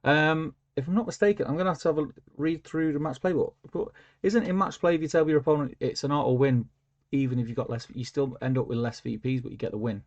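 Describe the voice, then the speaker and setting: A man with a fairly high, slightly mellow voice talks fast while hosting a casual livestream. He rambles through viewer comments with lots of fillers, humming as he scrolls, and the stream audio is lo-fi.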